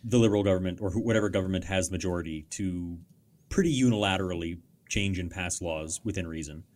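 A man's voice: low voice, fast, a little mellow. A Canadian man co-hosting a podcast, explaining politics in casual chat with a sarcastic edge. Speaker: podcast co-host.

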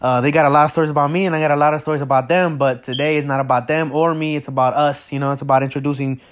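A man's voice: fairly high pitch, fairly even intonation, racing. A teenage boy from Mexico hosts his own podcast for the first time. He rambles nervously, restarts his sentences and leans on fillers. He is recorded without a proper microphone. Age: teens. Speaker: podcast host. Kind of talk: casual solo podcast intro. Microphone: no proper mic.

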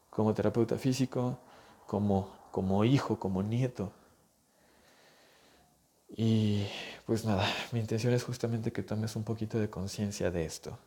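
Young man, physical therapist type, earnest and urgent, speaking straight to the viewer, warm low-key timbre. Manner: earnest, urgent, addresses listener directly. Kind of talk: direct-to-camera health advice.

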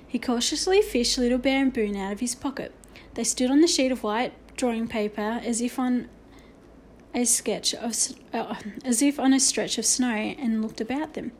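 A woman narrating a children's book in a steady, expressive storytelling manner. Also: fairly high pitch, slight background noise. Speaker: audiobook narrator.

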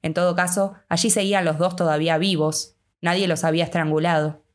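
Female audiobook narrator, Rioplatense accent, measured delivery, low-ish voice. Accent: Rioplatense Spanish. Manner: steady, measured reading. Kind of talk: scripted narration.

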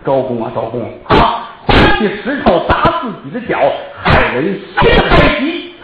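A man voicing a shrewd, cool young woman who mocks her enemy, on an echoey, dull recording with loud noise. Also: a little high, huge pitch swings, normal speed, distant mic. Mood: mocking. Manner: mocking.

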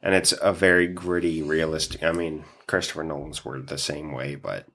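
Podcast host guy, real low voice, stuffed up from allergies, swears a bunch. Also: fairly even intonation, normal speed, pushed and bright. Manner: casual, swears often, laughs a lot. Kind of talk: casual chat.

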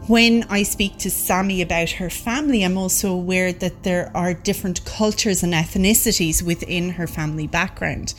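An Irish woman hosts a conversation and leads it with careful, considered questions. She speaks in an even, unhurried manner. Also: mid-range voice. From Ireland. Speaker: interviewer. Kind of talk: recorded conversation.

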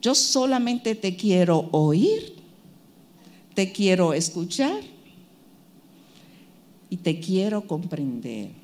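A woman's voice: on the low side, big pitch swings, takes it slowly, pauses often, darkish tone. Woman preacher, emphatic and repetitive, acts out the voices she quotes. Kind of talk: sermon.

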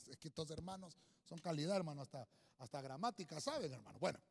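A man's voice: fairly high pitch, lively intonation, brisk, vocal fry, slightly rough. A man preaching a Bible lesson, constantly calling listeners brother, with jokey asides and repeated words as he thinks. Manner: calls listeners "brother" nearly every sentence. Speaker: preacher teaching a Bible study. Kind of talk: sermon-style Bible teaching at a whiteboard. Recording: long hall reverb.

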